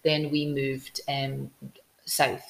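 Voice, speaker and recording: This is a Scottish woman with a deep, low voice, speaking in a casual and enthusiastic way and circling back to restart her thoughts. Her voice rings in a roomy, echoey space. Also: monotone, very slow, vocal fry. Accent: Scottish, Glasgow. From Scotland. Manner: enthusiastic, storytelling, with frequent restarts. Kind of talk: casual chat.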